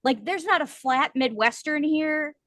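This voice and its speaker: A woman co-hosting a book podcast in casual chat, explaining points at length with lively emphasis. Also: high-pitched, a little slow, dry recording. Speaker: podcast co-host.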